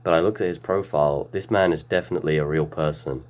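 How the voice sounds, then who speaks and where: A man's voice: extremely low pitch, fast talker, a little mellow. A young man co-hosting a casual podcast, telling stories in a laid-back way. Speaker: podcast co-host. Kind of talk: casual chat.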